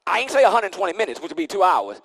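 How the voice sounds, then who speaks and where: A man's voice: high-pitched, sing-song, very fast, fairly bright tone, slightly rough, in a large hall. A man preaching a sermon into a pulpit microphone, emphatic and repetitive, with casual vernacular and call-and-response. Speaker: pastor.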